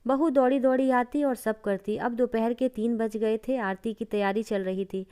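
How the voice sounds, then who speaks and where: Woman storyteller, slightly high and clear voice, steady scripted narration of a family tale. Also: normal speed.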